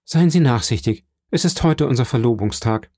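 A man voicing a gentle, anxious young woman who speaks in a soft, pleading way. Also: mid-range voice, expressive, moderate pace, dry recording, clean studio sound.

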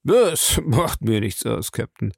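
A man voicing a smooth-talking, evasive male bar owner in an audiobook, lifting his voice higher and giving it a changed tone. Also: very animated, slow, a little mellow, dry recording, clean studio sound, heavily acted.

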